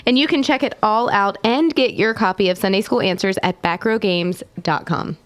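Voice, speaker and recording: A woman's voice: mid-range voice, moderate pace. A woman speaking as the sidekick co-host of a morning radio show, in a casual, jokey style.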